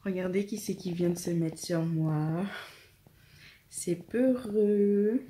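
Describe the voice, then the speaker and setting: A French-accented woman in her late twenties talks slowly in a fairly low voice, chatting casually to camera for her family vlog. She rambles about her day and speaks softly to her cats.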